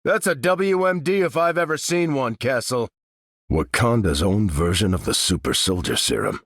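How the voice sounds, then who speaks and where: An actor with an American accent playing a noble, steadfast veteran super-soldier in a video game, speaking with earnest, measured authority. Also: male voice, medium pitch, lively intonation, a bit bright, dry recording, clean studio sound. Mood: resolute. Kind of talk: video game character voice lines.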